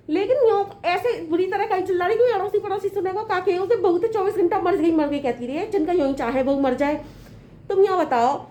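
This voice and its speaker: A woman's voice: extremely high pitch, mellow. A woman playing a patient young daughter-in-law who reasons at length in an earnest, lecturing way, in a comedy sketch.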